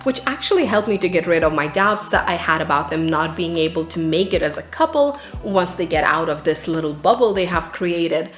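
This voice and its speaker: A woman narrates a scripted book review earnestly, adding dramatic emphasis, her lowish voice animated and fairly fast with barely any pauses. Background music plays underneath in a roomy, echoing recording.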